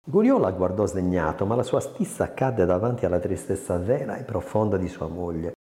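Guy reading a novel aloud, lively voice, big echo. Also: low-pitched, fairly quick. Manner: lively, expressive reading with many character voices. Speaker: narrator. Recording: echoey reverberant room.

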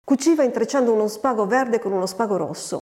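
A woman narrating a literary story in a measured, expressive way, recorded with a long reverb. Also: on the high side. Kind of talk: literary audiobook reading.

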